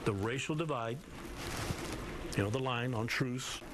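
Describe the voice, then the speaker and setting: A man's voice: medium pitch, a little slow. An American man speaking off the cuff in a community discussion, repeating words as he makes his points. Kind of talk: unscripted group conversation. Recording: clear background room noise.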